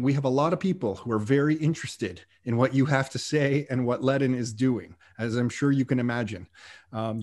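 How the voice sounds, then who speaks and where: A man's voice: medium pitch, a little mellow. A man hosting a podcast in a chatty way, repeating key points as he talks. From Canada. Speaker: podcast host. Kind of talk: casual podcast talk.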